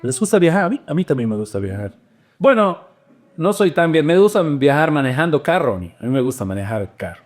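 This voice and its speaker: A man preaching a sermon as pastor, animated, with wide swings in pitch and loudness. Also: a little fast.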